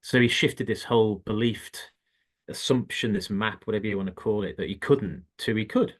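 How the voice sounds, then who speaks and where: A man's voice: on the low side, fairly quick. A man, a coach, telling a story in casual chat and acting out the quotes as he goes. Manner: anecdotal, acts out quotes in the story.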